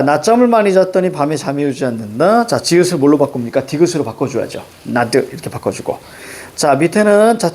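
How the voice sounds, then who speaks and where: A man's voice: fairly high pitch, a little mellow. A man teaching a classroom grammar lesson, walking through pronunciation rules step by step.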